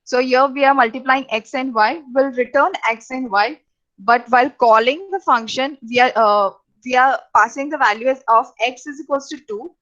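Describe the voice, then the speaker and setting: A woman teaching programming over slides, talking in a halting way with many fillers and restarts. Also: high voice, a bit bright. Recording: dull lo-fi recording.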